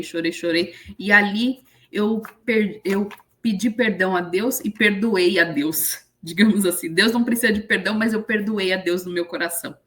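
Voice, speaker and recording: A woman, an interview guest telling an emotional story with lively quoted voices. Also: lowish voice. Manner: animated retelling with acted quotes.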